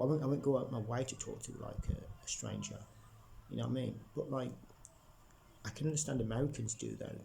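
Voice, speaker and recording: A young man from the English Midlands rambles to camera in a casual vlog. He restarts sentences often and leans on fillers. His voice is heavily gravelly and dark, with a faint hum of background noise. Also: mid-range voice. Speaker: vlogger.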